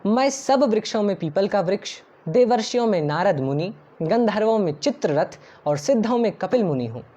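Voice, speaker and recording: एक महिला जो धार्मिक श्लोकों को गाकर पढ़ती है और फिर उनका अर्थ शांत, नपे-तुले ढंग से पढ़कर सुनाती है।. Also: female voice, mid-range voice, animated, moderate pace, warm tone. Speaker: scripture reciter and translator. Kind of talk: chanted verse recitation with read translation. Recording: dull lo-fi recording over faint instrumental music.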